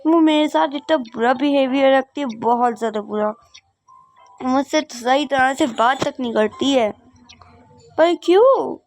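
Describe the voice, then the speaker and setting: A woman's voice: high-pitched, measured pace. A woman voicing a chatty little girl princess who tattles about her sister in a doll game. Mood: complaining.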